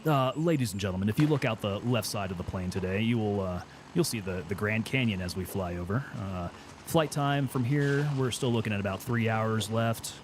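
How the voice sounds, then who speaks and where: A man voicing a calm airline captain making a cabin announcement, in a slow, soothing announcer delivery. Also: on the low side, a little hiss or hum, voice pushed down, natural voice. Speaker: gamer streaming.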